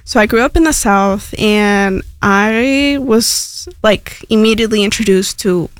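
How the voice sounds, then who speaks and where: A woman's voice: mid-range voice, unhurried, clear, resonant tone, no echo. Chatty young Mexican-born woman, many fillers. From Hidalgo, Mexico. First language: Spanish. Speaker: radio station intern, guest. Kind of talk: casual interview talk.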